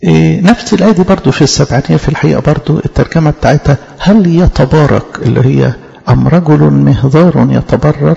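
A man with an Egyptian Arabic accent teaching scripture in an emphatic sermon, asking rhetorical questions and reading verses slowly. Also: fairly high pitch, gravelly, mellow. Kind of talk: Bible study sermon. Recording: reverberant hall, dull lo-fi sound.

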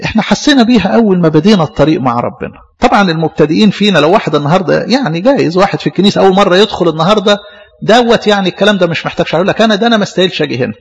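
A man with an Egyptian accent preaches to his congregation, a priest who talks fast and chats as he goes. He acts out short exchanges between people as part of the sermon. His voice sits a little high and husky, carried on a long church reverb. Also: animated. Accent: Egyptian Arabic. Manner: conversational preaching, acts out dialogues.

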